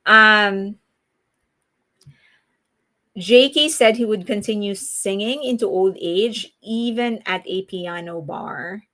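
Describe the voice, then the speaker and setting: Speaking with a Filipino accent, a female livestream host from the Philippines chats casually with viewers, laughing a lot and often starting sentences over. Her mid-range voice is bright and forceful, and she talks slowly with frequent pauses.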